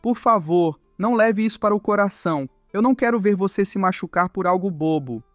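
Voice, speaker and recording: A man voicing a gentle young woman in a comic recap, speaking softly and with care. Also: high voice, fairly quick, dry recording, studio quality, faint music behind, close to an everyday voice. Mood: worried. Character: gentle young woman who has lost her memory.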